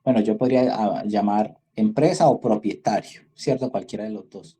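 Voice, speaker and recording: Husky, dark-voiced man teaching. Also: fairly low pitch, moderate pace. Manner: thinks aloud, checks in with tag questions. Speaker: university instructor. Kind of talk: online class lecture.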